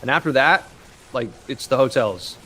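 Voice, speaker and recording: A man's voice: medium pitch, moderate pace, sharp tone, slight background noise. Laid-back swearing gamer guy. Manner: laid-back, swears freely, says "dude" and "bro". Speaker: podcast host and streamer. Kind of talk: casual gaming chat.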